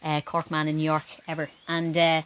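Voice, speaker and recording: A Dublin folk singer with an Irish accent hosts a livestream from a small wooden garden shed, chatting casually between songs and greeting viewers by name. Her voice is low-pitched and fairly quick, with a completely flat delivery. There is slight background noise.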